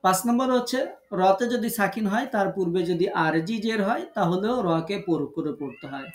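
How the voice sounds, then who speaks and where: A man teaching Quran recitation rules in an online lesson, patiently repeating each rule and drawing out example words slowly. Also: sits high. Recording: echoey room.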